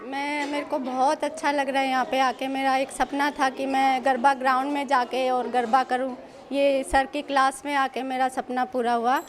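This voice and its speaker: A woman's voice: sits high, level tone, moderate pace. A woman from Haryana answering interview questions eagerly and gratefully. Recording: noisy room with crowd chatter.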